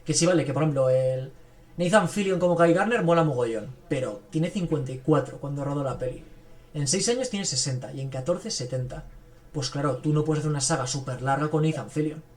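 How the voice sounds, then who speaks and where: The speaker is a male podcast host whose somewhat high, slightly mellow voice moves at a fairly quick clip. He talks films casually and enthusiastically, wandering off track and using many fillers.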